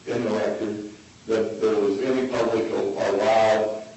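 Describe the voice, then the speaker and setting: A man arguing as a lawyer in court, halting and hesitant, with very frequent uhs. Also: on the low side, little pitch movement, warm tone. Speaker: defense appeal lawyer. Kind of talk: oral argument in court. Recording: very echoey distant courtroom, faint noise.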